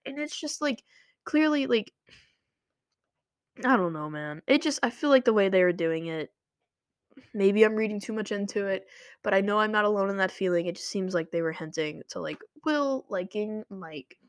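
A woman's voice: mid-range voice, animated, moderate pace, dry recording. Rambling young woman, dry close sound. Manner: rambling, frequent "like" fillers. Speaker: vlogger. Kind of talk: casual commentary. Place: home room with running water nearby.

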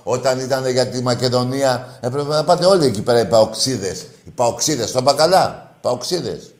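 A male radio sports host needling a caller in call-in banter, teasing and quick to get heated. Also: mid-range voice.

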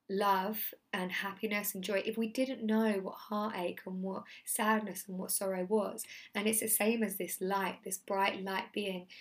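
A woman hosts a self-development podcast with a voice that is hoarse and giving out. Her pitch sits in a middle range for a woman. She talks in a chatty, earnest, effusive way, like a coach speaking straight to listeners. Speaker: podcast host and mindset coach. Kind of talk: solo podcast talk, casual and chatty.

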